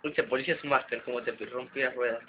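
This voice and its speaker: A man with a Rioplatense Spanish accent bantering casually over a video game, excitable and foul-mouthed in his outbursts. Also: mid-range voice, fast talker. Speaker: friend of the player. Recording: muffled lo-fi, background noise.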